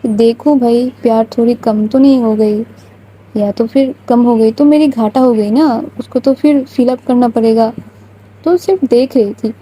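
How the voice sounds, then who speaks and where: Woman narrator, informal spoken storytelling, talks to listeners, slightly high warm voice. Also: fairly even intonation, slightly rough, low-quality recording. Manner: chatty, informal, direct address to listeners.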